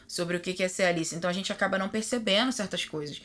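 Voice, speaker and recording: A woman with a Brazilian Portuguese accent hosting a casual podcast chat, slangy and expressive, with casual swearing. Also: fairly low pitch, very fast. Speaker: podcast host.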